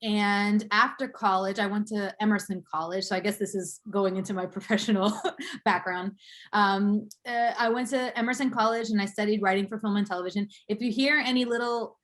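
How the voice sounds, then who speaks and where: A Boston woman in her thirties tells her life story as an interview guest, reflective and full of fillers and small laughs. Her medium-pitched, slightly bright voice stays fairly even in intonation and moves a little fast.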